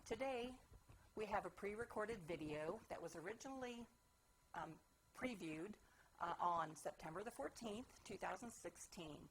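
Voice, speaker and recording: A woman presenting a halting, unscripted introduction to a recorded programme. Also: mid-range voice, lively intonation, a little hiss or hum, low-quality recording.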